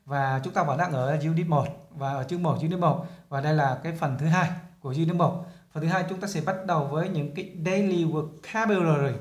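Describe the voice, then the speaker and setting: A man teaching English vocabulary with a Vietnamese accent, saying each word slowly and repeating it two or three times. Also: fairly high pitch, echoey room. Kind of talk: vocabulary lesson with repeated drills.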